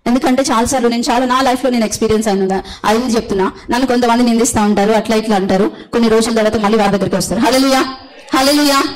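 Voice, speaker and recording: A woman preaching a sermon. Her voice sits a little high. She speaks bluntly and forcefully, stressing her points with repeated hallelujahs. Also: low-quality recording.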